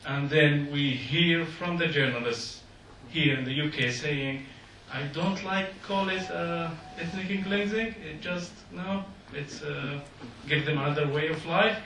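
An earnest man from Jordan speaks at a public meeting, his voice on the high side, pushed and bright. He uses halting, non-native English in an echoey meeting hall. The mic sits far away and there's a little hiss or hum.

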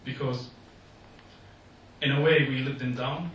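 A man's voice: mid-range voice, steady tone, a bit bright, distant mic, dull audio, slight background noise. Earnest man speaking in an echoey hall. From Jordan. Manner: earnest, halting non-native English. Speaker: speaker at a public meeting. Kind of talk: public speech. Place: meeting hall.

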